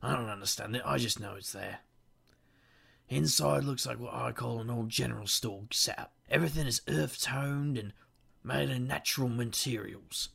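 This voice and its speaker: A man playing a wisecracking, weary detective, delivering a wry, self-deprecating noir monologue in a gravelly, husky voice. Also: medium pitch, moderate pace, a bit bright, full character voice. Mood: sardonic musing. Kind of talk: noir first-person monologue.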